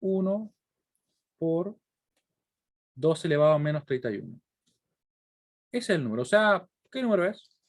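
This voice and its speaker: A Chilean-accented man lecturing at a university uses a slightly high voice with lively intonation, a moderate pace, and long pauses. He explains didactically, thinks through examples aloud, and regularly asks students short questions to check their understanding.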